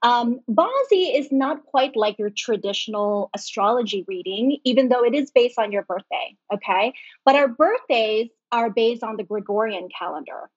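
A middle-aged woman from Hong Kong, a guest on a podcast interview, explaining things warmly and laughing easily. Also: a little high, animated, normal speed, no echo. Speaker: guest, BaZi reader and feng shui master. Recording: dull lo-fi, dry.

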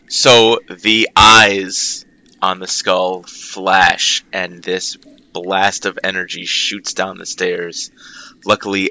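Deep-voiced, crisp male game master. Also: pushed and bright, rough recording. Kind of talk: narrating a tabletop game.

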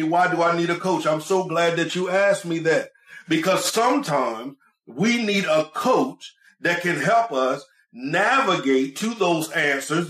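A man's voice: on the high side, fairly bright tone. A man giving a motivational speech as a coach, exhorting listeners directly like a preacher, with emphatic repeated phrases. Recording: echoey, roomy sound.

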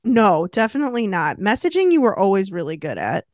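A woman in casual podcast chat, teasing and coaxing her co-host, her voice rising and falling with lively swings. The sound is close and dry with no room around it. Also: medium pitch, brisk, dry recording.

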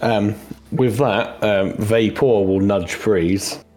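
A man's voice: fairly low pitch, slow pace, over music. A man running an online tabletop game as game master, hesitant with many fillers, over a video call.

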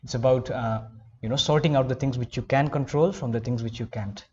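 A man's voice: medium pitch, fairly even intonation, a little fast, darkish tone, husky, muffled recording. A male interviewer asking questions in a supportive, affirming way. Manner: supportive, frequent short affirmations. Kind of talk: casual interview.

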